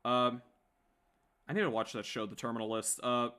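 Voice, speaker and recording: Speaking at a moderate pace, this man has a medium-pitched voice that is steady, bright, forceful, and smooth. He's a livestream host rambling through blunt, opinionated fan commentary to the chat, often swearing.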